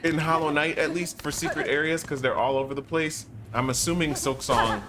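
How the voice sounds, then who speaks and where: A man's voice: on the high side, steady tone, fairly quick, a crowd in the background. A man streaming a game live, chatting casually with his viewers as he plays. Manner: laid-back, chatty, talks to chat viewers; sings playful ditties while playing. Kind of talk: live gameplay commentary. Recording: loud game music behind voice.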